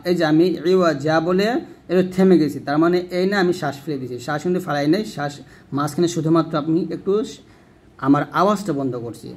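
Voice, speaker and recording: A man teaching the rules of Quran recitation, explaining each rule step by step and then reciting the example words slowly and drawn out. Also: on the high side.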